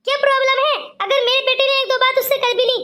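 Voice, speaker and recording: Cartoon role: stern older mother-in-law, voiced by a woman, firm scolding, very high pitch. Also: little pitch movement, quick pace, bright, forceful tone.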